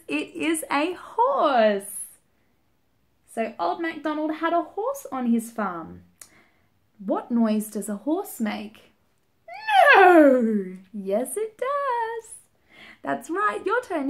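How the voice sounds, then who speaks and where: Young woman for a children's storytime. High and sing-song, unhurried, gasps and invites the child to join in. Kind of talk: reading and singing a picture book to young children. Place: small indoor room, seated at home.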